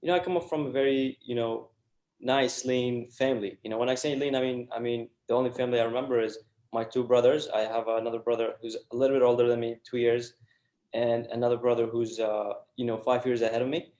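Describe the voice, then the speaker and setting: A man's voice: mid-range voice, steady tone, fast, dark tone, roomy sound. A man, a guest telling his story in an earnest, casual way full of fillers and restarts. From Iraq. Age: 20s. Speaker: guest entrepreneur. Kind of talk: casual interview talk.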